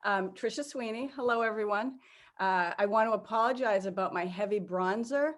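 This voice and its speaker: A woman's voice: mid-range voice, normal speed. A middle-aged woman with a Boston-area New England accent, informally and self-deprecatingly introducing her career as an interview guest. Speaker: interview guest, sales executive. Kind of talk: casual spoken career introduction.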